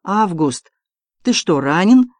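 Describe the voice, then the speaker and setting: A reader voicing a calm young officer and leader. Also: mid-range voice, no room sound. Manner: measured, meek.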